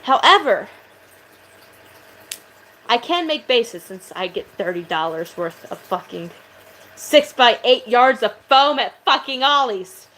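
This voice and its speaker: A woman's voice: fairly high pitch, lively intonation, takes it slowly, long pauses, bright, forceful tone, rough recording. A woman vlogger chatting casually to camera, rambling and swearing, with a voice that sounds aggressive.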